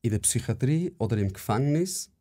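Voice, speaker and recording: A young Swiss German-accented man with a dark, mellow tone hosts a casual chat about nursing. He talks bluntly and with energy, tossing in casual swearing, at a medium pitch. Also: expressive, fairly quick. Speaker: psychiatric nurse, podcast host.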